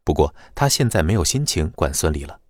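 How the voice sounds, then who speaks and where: A man narrating a web novel audiobook in a lively, dramatic storytelling manner. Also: a bass voice, fairly quick, dry recording, clean studio sound.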